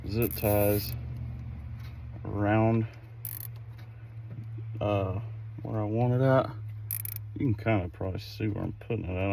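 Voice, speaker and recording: With vocal fry and a dark tone in his lowish voice, a man chats through a hands-on car how-to vlog, thinking aloud in a relaxed, folksy way. He's outdoors at the vehicle, and the recording picks up wind and ambient noise.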